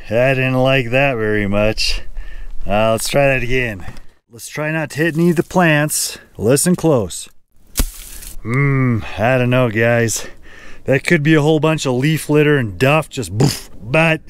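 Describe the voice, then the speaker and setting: A gold prospecting vlogger with a smooth, medium-pitched male voice narrates his outdoor video at an abandoned mine, thinking out loud and pointing things out as he moves along.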